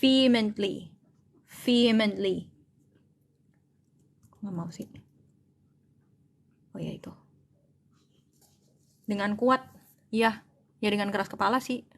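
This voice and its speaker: Her voice is medium in pitch and gravelly, and she speaks slowly with frequent pauses, against a little hiss or hum. This online English-to-Indonesian tutor reads a novel aloud in English and translates it into Indonesian one line at a time. She stays casual, thinks out loud, searches for words, and freely mixes the two languages.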